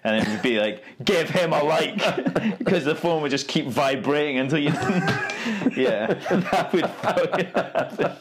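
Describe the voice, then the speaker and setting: A man's voice: a little high, animated, measured pace, hardly any pauses, background noise. A man co-hosting a podcast, joking around, laughing often and stumbling over his words. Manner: laughs often, jokey, hesitant restarts. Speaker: podcast co-host. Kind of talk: casual banter.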